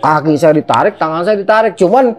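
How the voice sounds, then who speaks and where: A man with a Jakarta accent telling a story as a guest in a casual, animated, slangy way, often turning to address the host. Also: fairly high pitch, quick pace, soft background music. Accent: Jakarta Indonesian.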